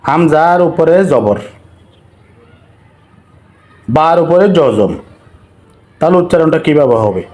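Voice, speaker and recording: A man teaching Quran reading, slowly spelling out and repeating syllables for learners to practice. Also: a little high, lively intonation, darkish tone, low-quality recording. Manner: slow, drilling syllables with repetition. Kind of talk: slow recitation lesson.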